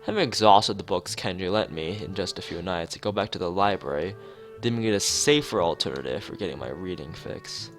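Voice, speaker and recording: Streaming a visual novel as a let's play, a man reads it aloud in a deep voice at a fairly quick pace, adding casual, rambling asides and sometimes stumbling over lines. Soft music plays in the background.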